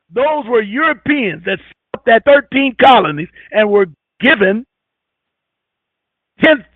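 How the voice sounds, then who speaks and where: A man with a very high voice holds forth as a radio host, scornful and preachy, repeating his points to drive them home. The sound is dry and close. It comes through a thin, tinny phone line. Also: no room sound. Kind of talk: emphatic talk radio lecture. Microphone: telephone.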